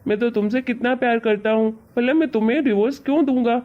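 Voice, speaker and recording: A fast-talking woman with a slightly high voice, lightly acted, portrays an exasperated young husband in an amateur cartoon story. He patiently reasons and chides, lecturing teasingly in casual, colloquial language, captured on dull, lo-fi audio.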